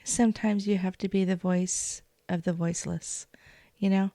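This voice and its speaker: A woman co-hosting a podcast, calm and supportive as she wraps up. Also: mid-range voice, moderate pace, no room sound. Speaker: podcast co-host. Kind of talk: casual podcast chat.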